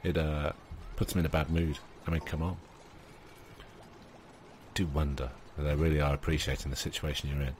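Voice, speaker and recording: A man's voice: a bass voice, little pitch movement, moderate pace, pauses often, darkish tone, slight background noise. A man giving casual let's play commentary, thinking aloud with many fillers and now and then talking to the little characters in his game. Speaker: gaming channel host.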